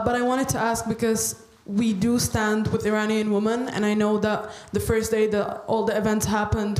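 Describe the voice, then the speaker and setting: A woman's voice: medium pitch, a little mellow. A woman born in the Czech Republic, asking a question from the audience at a public debate in earnest, searching sentences. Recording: echoey hall.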